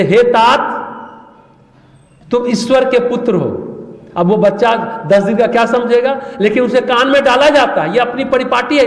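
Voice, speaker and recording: High-voiced man preaching in an echoing hall. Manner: conversational preaching, asks the audience questions. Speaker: spiritual speaker. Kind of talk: Hindi spiritual discourse. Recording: echoey hall, long reverb.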